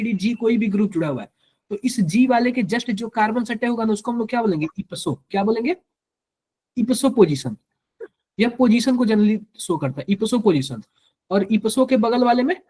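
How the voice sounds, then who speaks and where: A man's voice: high-pitched, darkish tone. A man with a Hindi accent teaching chemistry to a live class, quizzing students and repeating each answer to drill it in.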